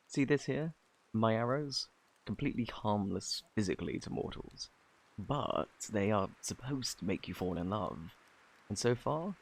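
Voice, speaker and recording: A man with a British accent playing a flirty, bashful, kindly Cupid in an intimate ASMR romance roleplay, softly spoken, stammering and flustered. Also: on the low side, vocal fry, slightly rough, heavily acted. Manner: flustered, stammering, halting, apologetic.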